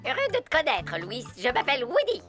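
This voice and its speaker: Casting: cheeky, upbeat cartoon woodpecker, wildly animated high voice, music underneath. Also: male voice, brisk, heavily acted. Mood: cheerful. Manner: chipper, wisecracking. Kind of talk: French-dubbed cartoon acting.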